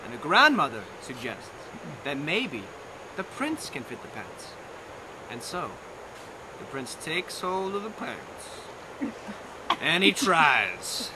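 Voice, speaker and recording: This noisy amateur recording captures a young male narrator performing a bedtime story live on an outdoor lawn. His fairly high voice swings hugely in pitch as he plays up the drama, stretches words out and playfully repeats lines.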